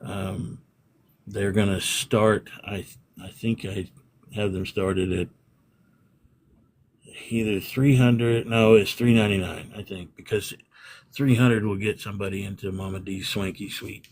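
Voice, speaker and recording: A man with a fairly low voice talks through his setup in a loose, meandering interview chat. He keeps circling back and restarting his thoughts as he explains things. It sounds like an easygoing conversation. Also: steady tone, a little slow, darkish tone. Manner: rambling explanations, frequent restarts. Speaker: livestream room owner, guest.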